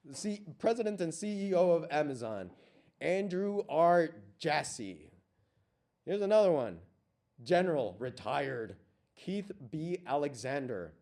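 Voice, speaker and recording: A man's voice: high voice, a little mellow. A man giving a passionate workshop presentation to a live audience in a meeting room. He speaks with fire and asks question after question, repeating lines for emphasis.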